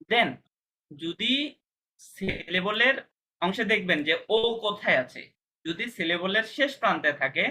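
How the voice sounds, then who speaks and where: Patient, bright-voiced man teaching a class. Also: high-pitched, slight background noise. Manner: patient, step-by-step, checks understanding. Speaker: language teacher. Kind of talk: online class explaining pronunciation rules.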